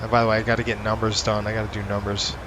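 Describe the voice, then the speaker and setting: A man's voice: fairly low pitch, completely flat delivery, racing. A man chatting casually as a pilot streaming from a flight simulator. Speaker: virtual airline pilot and streamer reading viewer comments. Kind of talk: casual chat while flying a simulator. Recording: clear vehicle-like cockpit noise.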